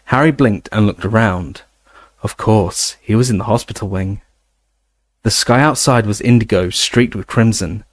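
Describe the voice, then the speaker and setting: A man reading a novel aloud in an expressive way, now and then stumbling and restarting a word. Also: fairly low pitch, normal speed. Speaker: reader. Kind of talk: audiobook reading.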